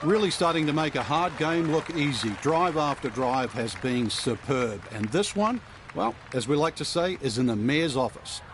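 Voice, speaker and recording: Male golf commentator, played by an actor, video game, folksy, admiring, animated intonation, crowd and outdoor noise behind. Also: fairly high pitch, moderate pace, natural voice.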